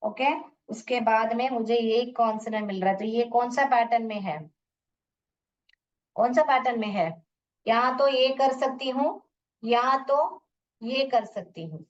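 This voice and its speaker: Woman teacher, phonics lesson, slow deliberate talk, fairly high voice, sounds out words, muffled far-off mic. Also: a little hiss or hum. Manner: explains step by step, sounding words out slowly; mixes Hindi with English teaching phrases.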